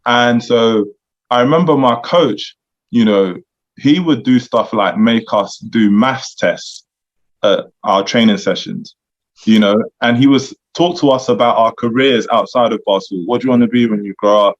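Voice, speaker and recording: A man mentoring young men in a relaxed chat, reflective and conversational, with lots of "you know" asides. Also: medium pitch, moderate pace. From United Kingdom. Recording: dull lo-fi sound.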